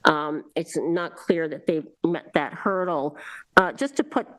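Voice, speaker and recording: Halting, lower-voiced woman weighing a case. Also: fairly bright tone, poor audio. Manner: halting, many fillers and restarts; deliberate, reasoned. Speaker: zoning board member. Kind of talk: public hearing deliberation. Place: town hall meeting room.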